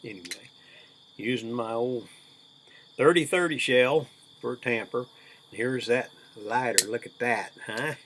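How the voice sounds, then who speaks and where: Slow-drawling folksy man, crickets behind. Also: mid-range voice. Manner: folksy, unhurried cowboy drawl. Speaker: video host. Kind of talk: casual rambling chat to viewers. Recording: steady background noise with chirping crickets.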